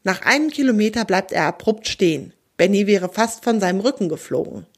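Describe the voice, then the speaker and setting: A woman narrating a children's storybook in a gentle, clear storytelling manner. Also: medium pitch, lively intonation, fairly quick.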